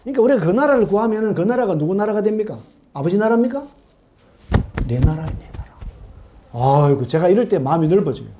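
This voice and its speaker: A middle-aged man preaching a sermon in a church, animated, asking his congregation questions and acting out quoted voices. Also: high voice, racing, a little hiss or hum. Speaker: pastor. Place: church sanctuary.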